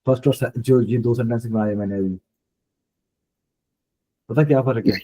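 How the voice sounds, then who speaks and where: A young man teaching a French lesson, mixing Hindi and English, explaining slowly and repeating rules to check his students follow. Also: mid-range voice, steady tone, mellow, rough recording. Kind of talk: online language lesson in Hindi-English mix.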